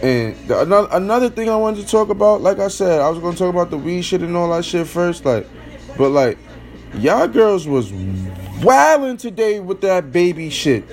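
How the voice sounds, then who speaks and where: A man's voice: high voice, sing-song, moderate pace, a little mellow, faint music behind. Blunt, profane young man ranting. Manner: blunt, profane, slangy and mocking. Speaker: podcast host giving opinions. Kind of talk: casual opinion rant.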